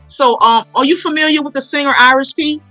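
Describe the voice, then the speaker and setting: A woman in her 40s from New Orleans speaks in a high, steady voice, fairly quick, pushed and bright. She's a playwright and stage actor appearing as a guest on a casual promotional interview, telling stories emphatically and repetitively. The recording is low quality and dry, with soft music underneath.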